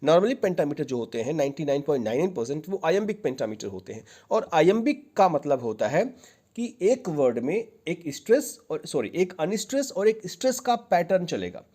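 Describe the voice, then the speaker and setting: A man's voice: a little high, very animated, brisk, dark tone. A male teacher giving an exam-prep lecture, patiently explaining and repeating key points, mixing English terms into his Hindi. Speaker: literature teacher.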